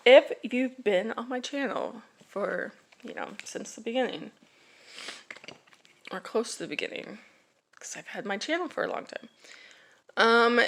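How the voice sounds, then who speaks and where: A woman in her thirties chatting casually to camera for her family vlog, rambling with restarts, sighs and yawns. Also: mid-range voice. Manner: rambling, halting, yawning, with sighs and laughs. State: drowsy. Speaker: family vlogger.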